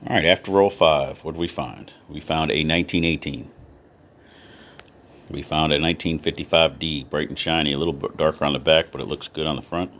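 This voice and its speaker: A man's voice: very deep voice, fairly even intonation, brisk, a bit bright, slight background noise. A man chatting casually in a hobby vlog as he sorts coins and reads off their dates one after another. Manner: easygoing, talks while sorting, lists coin dates. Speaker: coin collector vlogger.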